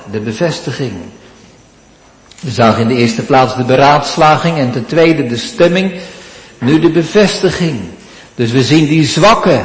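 Male pastor, measured sermon delivery, lively pitch; echoey church recording. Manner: preaching with dramatic pauses and rising emphasis.

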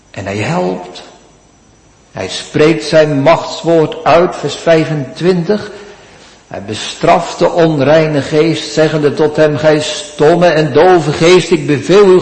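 Slow, animated preacher in an echoing church. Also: male voice, mid-range voice. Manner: preaching with dramatic pauses and rising emphasis. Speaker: pastor. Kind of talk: sermon. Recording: echoey church hall.

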